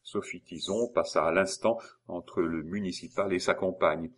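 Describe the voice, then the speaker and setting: A man narrating a classic novel as an audiobook, in a measured storytelling manner. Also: sits low, steady tone, breathy edge.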